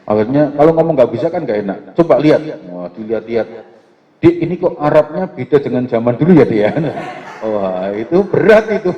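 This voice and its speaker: A middle-aged man, giving a religious lecture to parents in a joking, lively way that keeps asking for agreement. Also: medium pitch. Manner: joking, lively, asks "ya kan?" often. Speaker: preacher. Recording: echoey hall, dull lo-fi sound.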